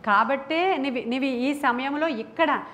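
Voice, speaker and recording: A woman's voice: high voice, a little slow, a bit bright, a little hiss or hum. A woman pastor preaching to a congregation in a church, impassioned and emphatic, full of rhetorical questions and repeated phrases. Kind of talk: sermon.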